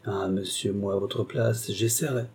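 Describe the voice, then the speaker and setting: A man voicing a calm young companion who reasons gently with a tormented old host. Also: on the low side, slightly rough. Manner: measured, persuasive.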